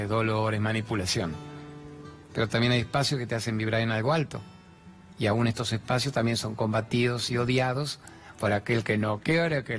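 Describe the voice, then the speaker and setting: An older man with a Rioplatense Spanish accent delivers an animated spiritual pep talk, his pitch swinging as he jumps into other people's voices. A faint music bed runs under his voice. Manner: playful, acts out dialogue in raised voices. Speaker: host giving motivational talk.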